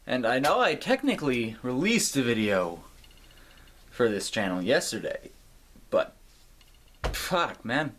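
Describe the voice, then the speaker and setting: A man's voice: mid-range voice, very animated, unhurried, pauses often, fairly bright tone. A young man from the United States talking casually to camera in a rambling, sarcastic way, swearing freely. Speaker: vlogger. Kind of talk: casual vlog talk to camera.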